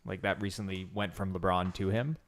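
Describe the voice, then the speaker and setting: A man's voice: deep voice, fairly even intonation, fairly quick. A man co-hosting a casual sports podcast, giving matter-of-fact opinions. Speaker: podcast co-host.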